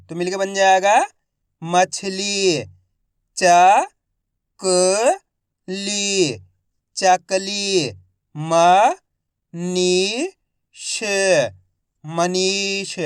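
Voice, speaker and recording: A man teaching Hindi reading in a slow phonics lesson, sounding out each syllable and then blending it into the word, asking the viewer questions and answering them himself. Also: sits high, clear, resonant tone, dry recording, studio quality.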